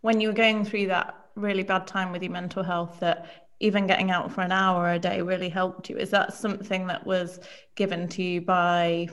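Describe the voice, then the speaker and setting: An interviewer asking gentle, measured questions. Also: mid-range voice, flat delivery, smooth.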